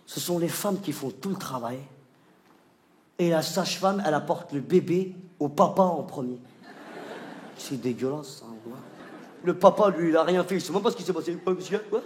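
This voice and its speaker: A man, doing stand-up comedy on a theatre stage, animated and stammering between shouted bits. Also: on the high side, normal speed, long pauses. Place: large theatre stage before a live audience. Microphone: stage microphone. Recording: roomy theatre echo with audience noise.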